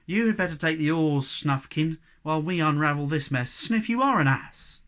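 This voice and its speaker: Brief: a man playing a cheerful young Moomin troll, slightly raised voice, lively. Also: a little high, normal speed. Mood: exasperated.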